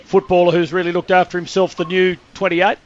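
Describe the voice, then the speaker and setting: An Australian man with a distinctly high voice for a male hosts sports radio. He talks conversationally with his guest over slightly muffled audio. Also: little pitch movement, fairly quick. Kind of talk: conversational interview.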